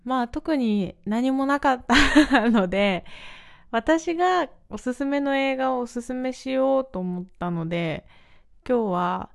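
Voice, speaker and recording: A woman's voice: high voice, lively intonation, a little slow, gravelly. A woman hosting a casual solo radio talk, rambling and poking fun at herself. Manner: rambling, self-mocking, chatty. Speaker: host.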